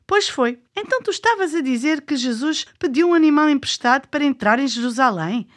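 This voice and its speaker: A woman with a European Portuguese accent and a high voice co-hosts a children's programme. She delivers scripted, conversational storytelling with an inquisitive, expressive manner. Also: fairly quick.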